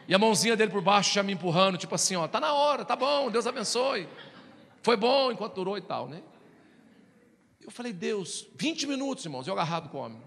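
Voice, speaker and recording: Gravelly, lively preacher. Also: male voice, high-pitched, in a large hall. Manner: animated, swings from loud exclamations to hushed quiet. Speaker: pastor. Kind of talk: storytelling sermon.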